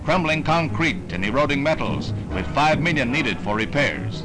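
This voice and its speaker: Over newsreel music on a vintage soundtrack, an American man reads 1960s newsreel narration from a script. His mid-range voice is expressive and moves at a moderate pace, carrying the formal, dramatic tone of an announcer.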